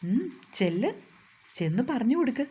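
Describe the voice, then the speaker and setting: A woman's voice: a little high, very animated, moderate pace, mellow, slightly rough. A woman voicing a teasing, mock-stern young husband. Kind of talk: storybook narration.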